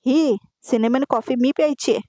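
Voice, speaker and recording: A woman's voice: sits high, moderate pace, warm tone, dry recording, studio quality, voice pushed up, natural voice. Woman voicing a stubborn, tart young wife. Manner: tart, dismissive retorts. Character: sharp-tongued young wife, stubborn and teasing.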